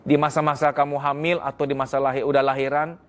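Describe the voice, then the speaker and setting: A man giving frank, earnest marriage advice in a blunt and animated way. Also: fairly high pitch, fast.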